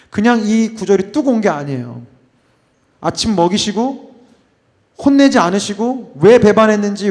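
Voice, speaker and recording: A male pastor preaching a sermon, swinging between loud, emotional exclamations and hushed, near-whispered lines. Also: fairly high pitch. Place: church worship space.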